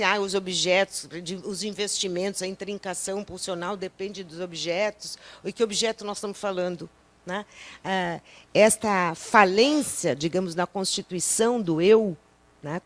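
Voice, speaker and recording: Rambling woman giving a panel talk. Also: medium pitch. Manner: associative, rambling, many fillers and restarts. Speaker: psychoanalyst panelist. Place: lecture hall at a panel event.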